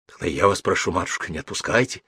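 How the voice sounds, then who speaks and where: A man's voice: sits low, fast, husky, dry recording, heavily acted. A man voicing a playful, self-mocking middle-aged writer who jokes eagerly, in a dry close recording. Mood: earnest. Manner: joking, lively.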